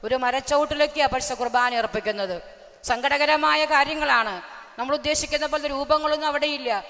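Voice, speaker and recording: A woman preaches with fervour, often raising her voice and asking the listeners questions. Her tone is bright and forceful. The sound carries a long reverb from a large hall. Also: high voice, brisk. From Kerala, India. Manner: fervent, often raises her voice and asks the crowd questions. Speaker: lay preacher. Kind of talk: sermon at a retreat. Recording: echoey hall recording.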